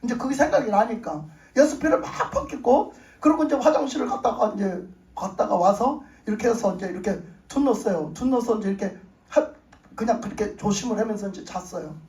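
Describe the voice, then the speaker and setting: A woman's voice: mid-range voice, quick pace. Woman pastor telling a testimony in a roomy hall. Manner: animated storytelling, acting out her own prayers. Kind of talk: testimony sermon. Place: church sanctuary. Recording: roomy church hall, voice from a distance.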